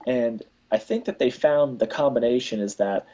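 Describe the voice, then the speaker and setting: A man's voice: medium pitch, moderate pace, warm tone, lo-fi sound. A man hosting a casual live podcast, rambling with many restarts. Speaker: podcast host.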